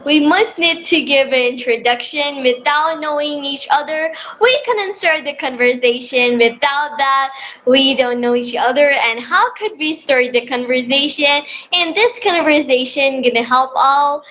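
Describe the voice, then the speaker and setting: A high-pitched young speaker from Bangladesh chats eagerly in practice English. The online call sounds slightly muffled, with a faint hiss behind her. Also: a little slow, a bit bright. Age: child in sixth class. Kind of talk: casual conversation practice.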